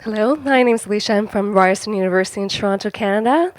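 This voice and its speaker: Woman, polite, university representative, audience question, mid pitch, dry recording. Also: fast talker, no room sound, poor audio.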